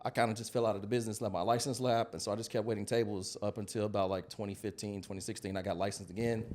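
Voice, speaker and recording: This American man in his early forties, a digital marketing consultant on a podcast, rattles off stories rapid-fire in a casual, conversational manner. His voice sits on the low side, darkish in tone and flat in delivery.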